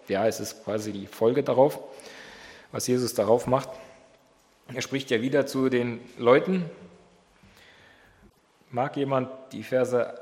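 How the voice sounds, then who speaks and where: This Bible study leader has a mid-range, darkish voice and a slight cold. He leads prayer and interactive study in a church hall, where his voice echoes, and he keeps asking the group questions.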